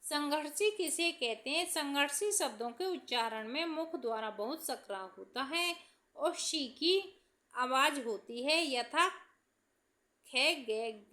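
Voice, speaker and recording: A young woman teacher reading out exam questions and answering each one, slowing down to list examples. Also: high-pitched, expressive, pushed and bright. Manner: reads each question, then answers it slowly, listing examples.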